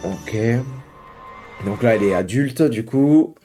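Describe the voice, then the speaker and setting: A young man hosts a casual reaction video at home, talking in an animated mid-range voice, slowly, with music in the background. He chats to viewers, calling them "guys." His speech is full of hesitations and filler words.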